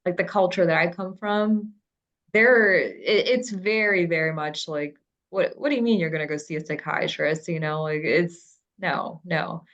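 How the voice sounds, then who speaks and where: A female psychiatrist from Ukraine thinks aloud in a relaxed professional discussion, speaking thoughtfully and haltingly with many fillers. Her voice is lowish, and the recording sounds muffled.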